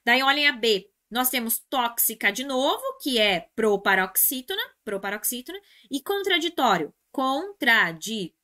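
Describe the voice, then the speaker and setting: A Brazilian woman teaching an exam review class in a bright, fairly high voice. She walks through each answer step by step and repeats the key terms. She keeps calling out to her students as she goes. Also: lively intonation, normal speed, few pauses. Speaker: Portuguese language teacher.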